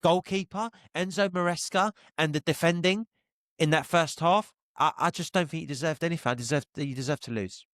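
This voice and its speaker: A young man hosting a casual football chat, blunt and opinionated, quick to laugh. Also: a little high, fairly bright tone, no room sound, clean studio sound. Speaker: podcast host.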